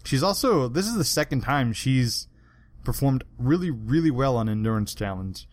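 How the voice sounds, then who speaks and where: A man's voice: mid-range voice, lively intonation, moderate pace. A man co-hosting a podcast in casual chat, breaking things down in a chatty way and laughing along. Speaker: podcast co-host.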